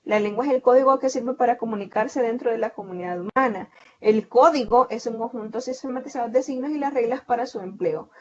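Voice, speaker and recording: A woman with a Salvadoran Spanish accent teaches an online class, her voice sitting a little high. She explains patiently, padding her points with fillers and quick self-corrections. The video-call audio comes through muffled and dull. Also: noisy background. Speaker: online tutor.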